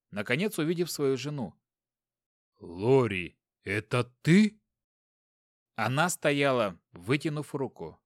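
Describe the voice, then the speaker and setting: A male audiobook narrator reads a tense scene in a lively, expressive voice. His pitch is somewhat high and moves a lot. The sound is dry and close to the mic. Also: no room sound. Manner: dramatic, lively reading.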